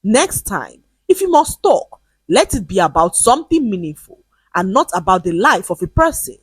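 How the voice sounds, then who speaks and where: A woman playing a calm man giving wise counsel. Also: medium pitch, moderate pace, breathy edge, dry recording. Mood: admonishing. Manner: calm and admonishing. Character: calm, wise Nigerian man scolding a gossip.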